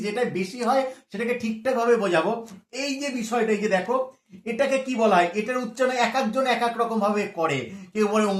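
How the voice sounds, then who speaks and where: A man's voice: high voice, echoey room. A middle-aged man teaching grammar, explaining patiently and drilling sounds over and over while asking his class questions. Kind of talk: classroom lecture to camera. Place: room with a bedsheet hung behind.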